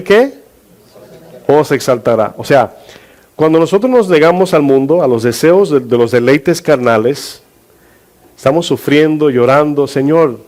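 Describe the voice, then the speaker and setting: A man's voice: on the high side, a little mellow. A male pastor preaching a sermon, questioning his congregation and drawing out key words for emphasis.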